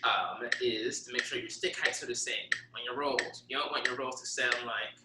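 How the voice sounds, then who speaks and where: A man's voice: mid-range voice, steady tone, normal speed. Man counting out drum rhythms. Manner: counts and vocalizes rhythms aloud. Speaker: drum teacher. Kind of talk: drum lesson with counting aloud. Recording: echoey room with loud noise. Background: metronome clicks.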